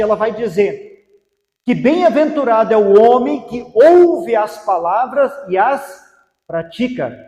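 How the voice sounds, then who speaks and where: A Brazilian pastor preaching a sermon in a high, ringing voice. His words echo through a large hall with a long reverb trail. He drives the message with repeated rhetorical questions. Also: a little mellow. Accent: Brazilian Portuguese.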